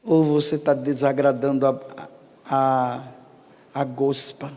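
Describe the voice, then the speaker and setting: Slow-preaching priest in a long-echo hall. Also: male voice, medium pitch, level tone, darkish tone. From Brazil. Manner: humorous anecdotes, dramatic pauses, rising exclamations. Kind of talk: sermon with storytelling. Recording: long reverb of a large hall.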